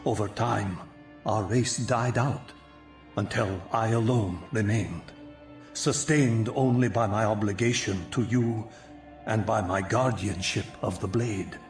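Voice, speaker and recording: An ancient vampire guardian speaks in a low, echoing voice over music. He is gentle, priestly and sorrowful, with unhurried, solemn, old-fashioned phrasing fit for a dramatic fantasy game. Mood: weary sorrow. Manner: solemn, measured, formal archaic phrasing. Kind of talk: dramatic video game voice acting. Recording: echoey, music underneath.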